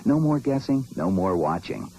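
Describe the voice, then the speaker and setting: Male announcer, scripted ad read, lowish voice, very animated pitch, faint background noise. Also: normal speed, low-quality recording. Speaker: commercial announcer. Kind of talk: scripted TV ad narration. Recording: faint noise of old TV soundtrack.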